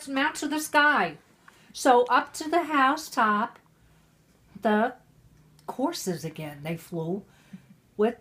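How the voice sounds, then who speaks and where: A high-pitched, slightly bright voice belongs to a middle-aged woman reading a Christmas storybook poem to her family while very drunk. She stumbles over words and keeps interrupting herself with irreverent comments.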